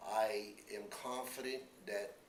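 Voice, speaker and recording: A man in his fifties with a fairly low voice gives interview answers for a student newscast. He is earnest and halting, often repeating himself. The room is echoey, with faint noise behind him. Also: steady tone. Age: 50s. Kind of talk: student-made news interview. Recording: roomy echo, faint background noise.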